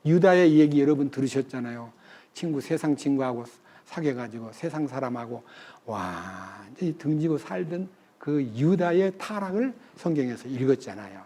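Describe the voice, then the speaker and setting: A man preaching a sermon as a pastor, retelling a Bible story and acting out the characters' lines with sudden leaps in pitch and loudness. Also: animated, moderate pace. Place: church.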